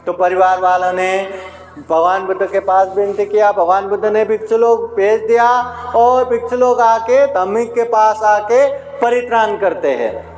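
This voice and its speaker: Slow-talking high-voiced monk preaching. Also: male voice, darkish tone. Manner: slow storytelling, acts out quoted voices. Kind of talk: dhamma sermon storytelling. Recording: echoey hall with faint music.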